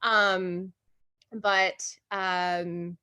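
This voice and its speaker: A woman from Hawaii talks as a podcast guest, her voice bright and forward. She rambles warmly through her answers, stopping to restart sentences and laughing often. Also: on the low side, little pitch movement, extremely slow, clear, resonant tone. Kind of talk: casual interview chat.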